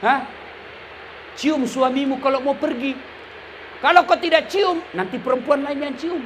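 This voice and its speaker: Brief: middle-aged preacher, high and lively voice, comic teasing sermon, sudden shouted punchlines, faint ambience behind. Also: male voice, unhurried, a little hiss or hum. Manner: teasing, swings from low asides to shouts. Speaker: Islamic preacher. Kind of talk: comedic sermon.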